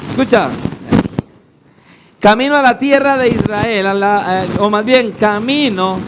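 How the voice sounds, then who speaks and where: High-voiced man preaching a fiery sermon. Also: a little slow, heavy background noise. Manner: emphatic preaching, rhetorical questions to the congregation. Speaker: pastor.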